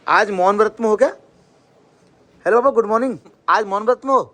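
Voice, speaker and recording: A man's voice: sits high, a little fast. Teasing young man filming a family vlog. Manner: teasing, lively, calls out loudly. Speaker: vlogger, host. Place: outdoors at home in the sun.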